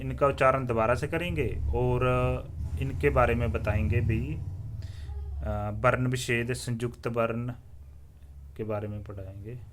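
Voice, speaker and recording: A man teaching the alphabet in a slow classroom style, sounding out letters one by one and asking listeners to repeat after him. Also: medium pitch, fairly even intonation, a little hiss or hum. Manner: drills letters aloud and asks viewers to repeat; often says "theek hai ji" as a filler. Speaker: Hindi teacher.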